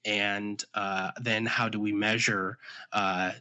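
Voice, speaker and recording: A thirty-year-old man with a fairly low but bright, forceful voice answers interview questions. He lays things out step by step in plain words, often tagging his sentences with "right?". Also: level tone, takes it slowly. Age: 30s. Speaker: podcast guest. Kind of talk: casual explanatory interview answers.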